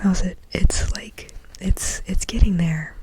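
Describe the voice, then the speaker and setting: A woman of thirty with a slightly nasal voice, doing fast, aggressive ASMR as rambling, chatty whispered asides close to the microphone. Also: on the low side, poor audio. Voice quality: slightly nasal from a recent cold. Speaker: ASMR creator. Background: scratching on the mic cover.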